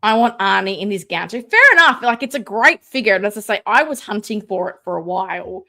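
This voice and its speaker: A woman hosts a live toy collecting stream, chatting casually, reading viewer comments aloud and unboxing a figure. She talks briskly with a sharp tone and big pitch swings, in what she calls a booming voice. She uses a desk mic, sometimes moving away from it.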